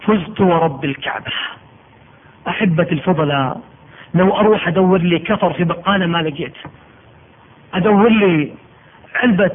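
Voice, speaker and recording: A man's voice: sits high, husky. A man preaching a sermon, telling stories emphatically and pressing his points with oaths. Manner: emphatic, storytelling, swearing oaths. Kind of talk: sermon with storytelling. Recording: tinny phone-like recording, faint noise.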